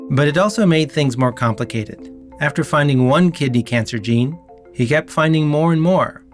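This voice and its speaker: A man narrating a documentary in a measured, clear scripted read. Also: a little high. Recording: faint music underneath. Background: faint music.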